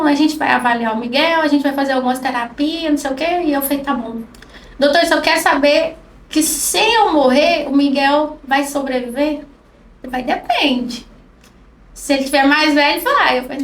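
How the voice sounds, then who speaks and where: High-pitched woman telling a personal story on a podcast, acts out what people said, roomy sound, mic a bit far. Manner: acts out quoted dialogue, speaks softly. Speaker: podcast guest. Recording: roomy, distant mic with faint noise.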